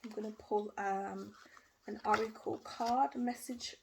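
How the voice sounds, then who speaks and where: A woman's voice: medium pitch, fairly even intonation, unhurried, gravelly. Female tarot reader, casual and hesitant, faint background hiss. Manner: hesitant, hedging with frequent fillers and restarts; intuitive, repeats "I feel". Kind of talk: casual tarot reading to camera.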